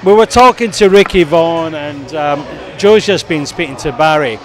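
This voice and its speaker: A man's voice: on the high side, animated, moderate pace. A man in his forties working as an interviewer, chatting casually on location. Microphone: handheld shotgun microphone. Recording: busy bar crowd noise behind.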